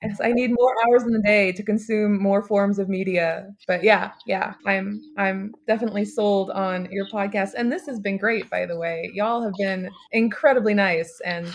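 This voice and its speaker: A woman's voice: medium pitch, steady tone, moderate pace, few pauses. A woman talking casually as a guest author in a podcast interview.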